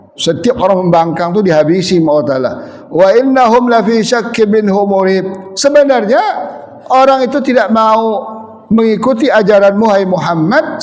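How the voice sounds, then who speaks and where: A man from Sumatra delivers a loud, forceful mosque sermon, his voice sitting high for a man. He mixes stern teaching with humorous stories. The long reverb of the prayer hall trails every phrase. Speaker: preacher.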